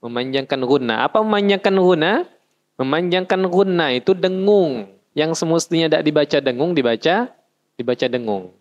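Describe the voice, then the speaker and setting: A man's voice: a little high, lively intonation, moderate pace, highs cut off. A man teaching a class how to recite, explaining patiently and chanting short verses as examples. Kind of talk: recitation lesson. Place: mosque.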